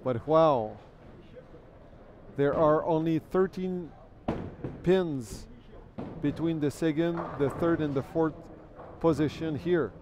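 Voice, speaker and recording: Speaking slowly with long pauses, a man with a fairly high voice and French as his first language commentates live on bowling, amid background noise at the alley. He chats easily, thanks viewers and tends to repeat words while thinking.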